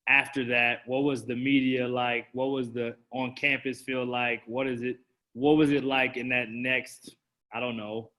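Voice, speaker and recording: A man's voice: medium pitch, fairly bright tone, poor audio. A man hosting a casual coaching interview, chatty and asking several questions in a row.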